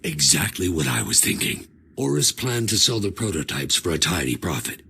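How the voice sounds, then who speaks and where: A sardonic agent, gravelly and low. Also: male voice, very animated, moderate pace, sharp tone, slight background noise, heavily acted. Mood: sarcastic. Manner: sarcastic, laid-back. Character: sardonic male agent, dry wit.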